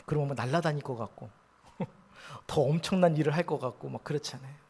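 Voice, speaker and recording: A male pastor preaches in a high, bright voice. He delivers an earnest sermon that swings from hushed near-whispers to emphatic rises. His voice rings with the long reverb of a church hall. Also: fast, slightly rough. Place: church sanctuary.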